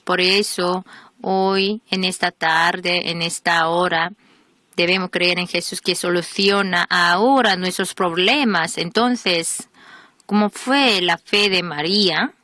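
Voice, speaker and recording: A woman reads a sermon voice-over in a steady, measured preaching manner. Her tone is bright and forceful, set a little low. The recording is close and dry. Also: no echo. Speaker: voice-over reader of a translated sermon.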